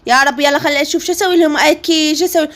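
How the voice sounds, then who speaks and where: A woman's voice: high-pitched, racing, fairly bright tone. A woman with an Iraqi accent narrating a game role-play in a chatty, complaining way. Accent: Iraqi Arabic. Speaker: gaming creator.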